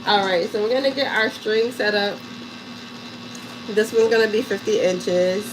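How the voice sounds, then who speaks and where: A woman's voice: mid-range voice, steady tone, moderate pace, background noise. A woman with a New York accent chatting casually and directly to viewers as she hosts a live craft tutorial. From Harlem, New York, USA. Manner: chatty, addresses listeners directly. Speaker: craft livestream host.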